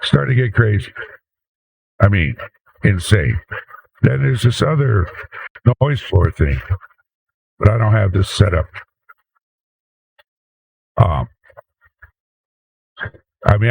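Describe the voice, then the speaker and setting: A low, gravelly male voice that comes through heavy noise-reduction and compressor artifacts, swelling loud and echoey. He rambles and restarts his sentences as he walks through his audio settings. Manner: rambling, with many restarts and fillers. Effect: heavy noise-suppression and stacked-compressor artifacts, booming and echoey. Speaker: tech video maker. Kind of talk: casual screen-recorded tech demo. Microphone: desk microphone through a software processing chain.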